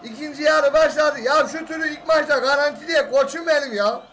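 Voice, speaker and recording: A man commentates like an excited football announcer. His voice is very high and bright, with slangy banter and stretched-out shouting. The amateur recording has clear background noise. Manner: shouting, drawn-out goal calls, slangy banter.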